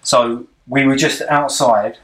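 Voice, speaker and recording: A young man, rambling in a relaxed way about dating as a podcast co-host. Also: medium pitch, takes it slowly. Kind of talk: casual chat about dating. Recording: echoey room, mic a bit far off.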